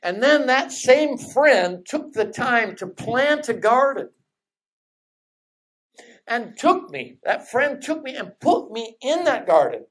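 A preacher delivering a sermon who repeats refrains and asks rhetorical questions, slows down to stretch key phrases, and drops into conversational asides. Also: mid-range voice, sing-song.

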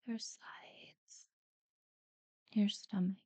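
A woman guiding a sleep meditation in a soft, breathy near-whisper, soothing and unhurried, with long pauses between short phrases. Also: mid-range voice, steady tone, dry recording. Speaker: guided relaxation narrator. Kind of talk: guided sleep meditation talkdown.

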